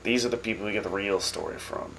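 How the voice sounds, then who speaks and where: This gravelly, low-sounding man talks fast as a brash radio host in a fan radio drama, ribbing his guests with swaggering speeches and lively jokes. Music plays behind him, and the rough recording carries a little hiss or hum.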